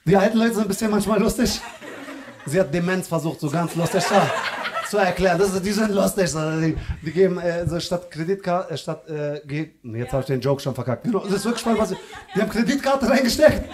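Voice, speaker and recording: A male stand-up comedian doing teasing, loud crowd work in a live club, with a slang manner. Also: high voice, animated, background noise. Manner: teasing, loud, fast banter with slang fillers. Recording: live room with crowd laughter. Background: audience laughter.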